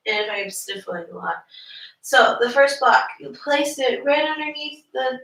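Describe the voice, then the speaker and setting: Speaking casually and sprinkling in plenty of fillers, a young yoga teacher with a stuffy nose runs a live-streamed class. Her voice is a little high and somewhat bright, picked up from a distance in a roomy-sounding space.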